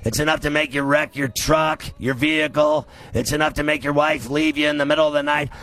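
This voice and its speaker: A man hosting a sports radio show in a loud, scratchy, gravelly voice, boastful and verbose, often yelling. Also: fairly high pitch, fairly even intonation, a little fast. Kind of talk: brash sports radio monologue.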